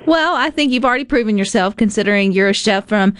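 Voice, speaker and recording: A woman's voice: mid-range voice, lively intonation, quick pace, fairly bright tone. A woman hosting a casual radio interview in a chatty, encouraging way. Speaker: radio show host.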